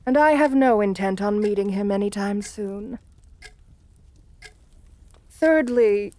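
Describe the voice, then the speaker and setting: In an ASMR roleplay, a woman plays an aristocratic countess who is assertive, seductive and menacing, speaking softly with coaxing, condescending endearments. Her voice is medium-pitched and close to an everyday voice.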